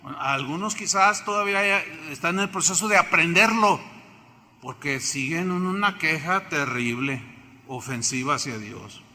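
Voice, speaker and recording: A man's voice: fairly high pitch, moderate pace, sharp tone. A man with a Mexican accent preaching a sermon in a church, emphatic and full of rhetorical questions to the congregation. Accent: Mexican Spanish. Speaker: pastor. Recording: reverberant church hall.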